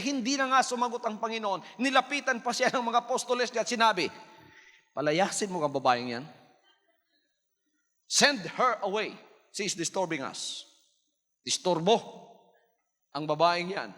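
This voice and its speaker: A man preaching a sermon with drama, acting out Bible quotes and sometimes shouting. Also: sits high, big-room sound. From Philippines. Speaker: pastor.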